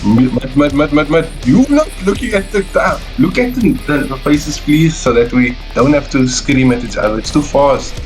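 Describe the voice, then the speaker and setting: A man's voice: mid-range voice, moderate pace, few pauses, soft background music. A man chatting casually while playing a co-op game with a friend, laughing, teasing and calling out moves. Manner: playful, teasing, laughing, shouting out calls. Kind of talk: casual gameplay chat.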